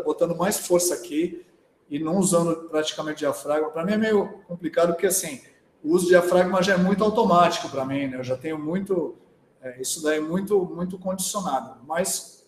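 A man's voice: on the high side, roomy sound, slight background noise. A man with a Brazilian Portuguese accent who teaches singing, giving a chatty live talk full of "né?" tags. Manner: chatty, often tags sentences with "né?". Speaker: voice teacher and singer.

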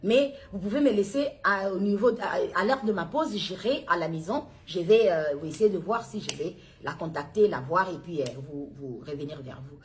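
A worried middle-aged mother from Congo, filmed at home on a phone, recounting events in a halting way with many restarts. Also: on the low side, expressive, a little hiss or hum. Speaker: worried mother making an appeal. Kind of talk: personal appeal video. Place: home interior, indoors. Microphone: phone at arm's length.

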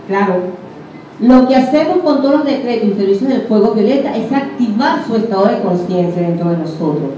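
Her voice is slightly high, animated and a bit fast, with a dark tone, as this Venezuelan-accented woman teaches a group and directly questions her listeners in a conversational style. The recording has an echoey room, a distant dull mic and slight background noise.

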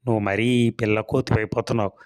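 A man doing a smooth, coaxing landlord. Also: lowish voice, flat delivery, fast talker, darkish tone, no echo, clean studio sound, natural voice. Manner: smooth, coaxing, laughs things off. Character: charming, manipulative village landlord man. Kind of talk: audiobook serial reading.

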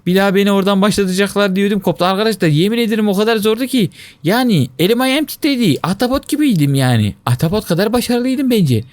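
Young male gamer, fairly high voice, dry close mic, dramatic and excitable commentary. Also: no echo. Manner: excitable, shrieks and wails when he fails; talks to viewers constantly, dramatic complaints. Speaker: gaming YouTuber. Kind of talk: Let's Play commentary.

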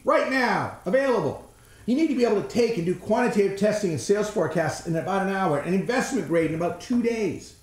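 A man giving an energetic, blunt, folksy presentation on innovation, sometimes swearing for emphasis. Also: high voice, echoey room. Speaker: innovation trainer.

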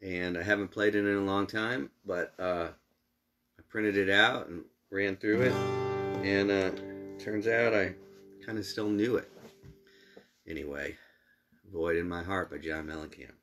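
A middle-aged man chatting casually on a home live stream from his basement, relaxed and rambling with plenty of fillers. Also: measured pace, pauses often. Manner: relaxed, rambling, low-key talk with fillers. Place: small basement room at home, seated on a couch. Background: his own acoustic guitar.

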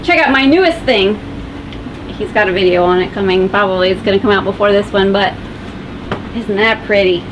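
A woman's voice: mid-range voice, fairly quick. A woman hosting a casual sailing vlog, chatty and upbeat, teasing her husband aboard their boat. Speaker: vlog host and boat owner. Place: aboard a sailboat, cabin and deck. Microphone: camera mic. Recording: loud wind and boat noise.

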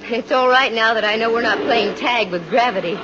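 An American actress, lead and narrator of a 1950s radio detective drama, plays a wry, self-assured female private eye, narrating in first person with dry wisecracks. Her voice is fairly high and fairly quick, lightly acted, in a wry, breezy mood. The recording is a muffled old radio broadcast with music behind her and background noise.

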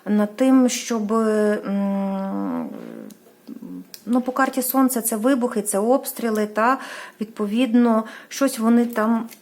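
A woman's voice: fairly high pitch, fairly even intonation, slow, darkish tone, slight background noise. A woman from Ukraine giving a casual tarot reading, hesitant, with many fillers and restarts, apologizing for how she says place names. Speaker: tarot reader.

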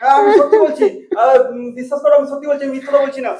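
A man's voice: very high voice, fairly even intonation, very fast, darkish tone, a little hiss or hum. An actor playing a flustered older father-in-law who insists he did nothing. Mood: protesting. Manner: insistent, protesting. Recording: echoey room.

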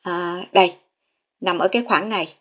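With a lowish voice and moderate pace, a Vietnamese woman gives a casual narrated tour of a house listing as a real estate vlogger, showing a map along the way. She's polite toward viewers and uses many fillers. The audio is dull.

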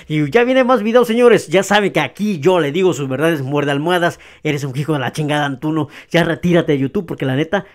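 A man with a Mexican Spanish accent, ranting and hurling insults in a reaction video, repeating himself heatedly. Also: on the high side. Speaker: YouTube troll commentator.

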